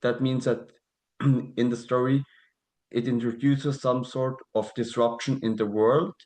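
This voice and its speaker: A man's voice: mid-range voice, steady tone, measured pace, darkish tone, rough recording. A man in his twenties from Switzerland, reading a prepared webinar talk carefully over a video call. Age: 20s. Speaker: presenter.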